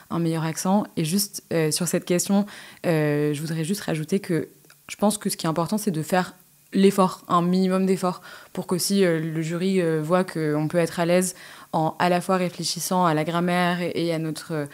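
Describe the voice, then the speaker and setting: A woman's voice: on the low side, a little mellow. A woman guest on a podcast giving exam advice, speaking hesitantly with many fillers. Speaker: guest, English specialist.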